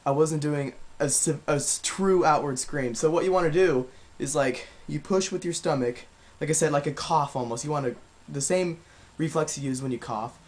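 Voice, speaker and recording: A man's voice: fairly high pitch, normal speed. A young man giving a casual, rambling video lesson on vocal technique, with plenty of fillers. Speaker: vocal coach.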